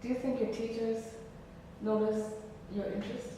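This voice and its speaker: A woman asks interview questions in a calm, measured way with a mellow, warm tone. Her voice sits far from the microphone in a roomy space with long reverb and a faint background hiss. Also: on the high side. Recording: echoey room from far off, faint noise.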